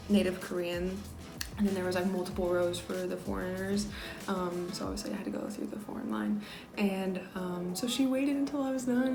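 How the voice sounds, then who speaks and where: A woman's voice: mid-range voice, mellow, echoey room. A young American woman vlogger telling a story in a chatty way, full of fillers, sometimes dropping to a near whisper. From United States. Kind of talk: casual storytelling.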